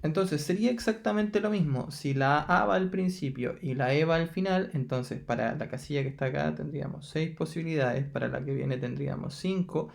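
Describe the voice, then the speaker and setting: A Chilean man giving a recorded math lesson, his voice a touch high and gravelly. He works through each step slowly and patiently, counting out loud and checking that his students follow. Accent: Chilean Spanish. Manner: patient, steps through counting aloud with frequent "ya". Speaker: math teacher. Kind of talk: recorded lesson explaining exercises.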